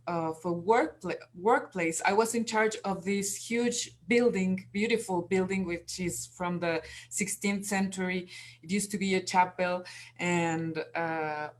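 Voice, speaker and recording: Woman from Mexico, unhurried, hesitant panel speaker. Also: mid-range voice. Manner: hesitant, many fillers and restarts. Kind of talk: online panel talk.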